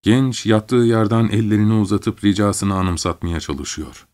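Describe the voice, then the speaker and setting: A man narrating a literary story in the first person, reading at a measured pace. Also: lowish voice, darkish tone.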